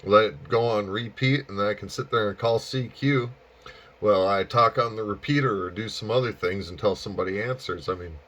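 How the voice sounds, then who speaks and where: A man with a lowish, slightly bright voice talks fairly quickly in a casual chat over ham radio. He's an amateur radio operator who also makes hobby videos, and his manner is easygoing and folksy.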